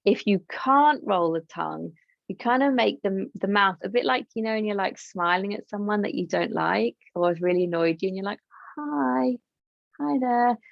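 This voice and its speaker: A woman yoga teacher from England guiding a class with gentle, encouraging instructions and chatty asides. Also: mid-range voice, gravelly, dry recording, dull audio.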